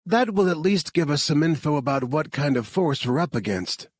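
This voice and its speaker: A man voices a frustrated young tech specialist in an audiobook, sounding frustrated and urgent. His voice sits on the high side, pitched above his own natural voice, animated and at a moderate pace. The studio sound is clean with no room sound.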